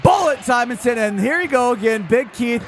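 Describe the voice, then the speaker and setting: High-voiced, excitable male hockey commentator. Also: normal speed, faint music behind. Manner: energetic, excitable calls with frequent filler restarts. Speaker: play-by-play commentator.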